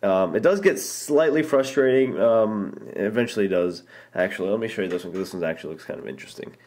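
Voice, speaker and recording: Speaking quickly and expressively in a somewhat low, slightly mellow voice, a young man rambles through a phone game as an app reviewer. He's excited, stumbling over many ums and restarts while recording his phone screen in an indoor room.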